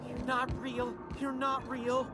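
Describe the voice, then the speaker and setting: A man's voice: very high voice, completely flat delivery, slow pace, music in the background. A man voicing a manic, paranoid old engineer whose disembodied voice calls out from somewhere out of sight. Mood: frantic. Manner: frantic, shouting accusations at phantoms. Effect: disembodied voice calling from somewhere out of sight. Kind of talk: video game character dialogue.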